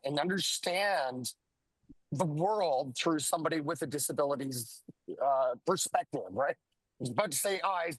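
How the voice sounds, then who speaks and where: A man's voice: a little high, no echo, poor audio. A man who is a councillor, speaking casually in a meeting on a hands-free call while driving his car. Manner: relaxed and conversational, with frequent fillers. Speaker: county councillor. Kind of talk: casual remarks in a video meeting.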